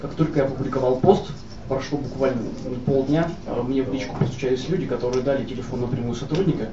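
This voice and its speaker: Быстро говорящий мужчина, гулкое эхо как в пустом складе. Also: male voice, medium pitch, fast talker. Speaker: event moderator. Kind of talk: informal live discussion with an audience. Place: echoey indoor hall at a live event. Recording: echoey hall, distant mic, muffled, noisy.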